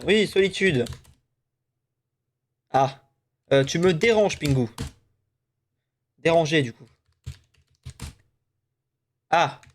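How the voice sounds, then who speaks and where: A young man from the French Basque Country chatting casually as a stream host, talking to his co-host while he plays and swearing often. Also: on the high side. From Basque Country, France. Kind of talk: casual live-stream chat.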